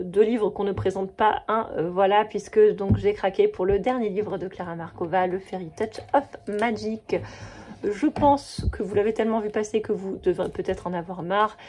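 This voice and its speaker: A woman in her thirties talks casually to her camera in a mellow, slightly husky voice. She gushes freely about what she loves, filling her talk with fillers and small restarts. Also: medium pitch. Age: 30s. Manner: chatty, gushing, many fillers and restarts. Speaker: coloring book vlogger. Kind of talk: casual chat.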